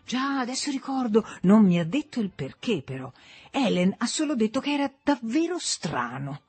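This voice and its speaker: A blunt, unstable grown son in a storybook reading, sardonic and needling, his husky voice pushed a little high and loud, as a male narrator plays him. He jabs at every phrase. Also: sing-song, moderate pace, heavily acted. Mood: mocking. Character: blunt, mocking adult son, mentally unstable.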